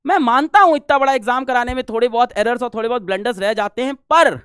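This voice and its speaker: A man from India, an online teacher, making an urgent and emphatic video appeal and reading headlines out slowly. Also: very high voice, fairly bright tone, smooth, no echo, studio quality.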